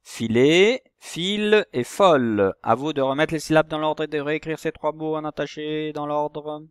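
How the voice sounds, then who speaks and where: Patient schoolteacher, slow and clear. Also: male voice, fairly high pitch, monotone, no echo, studio quality. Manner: slow, patient, stretches words and syllables. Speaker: primary school teacher. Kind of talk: recorded reading lesson for young children.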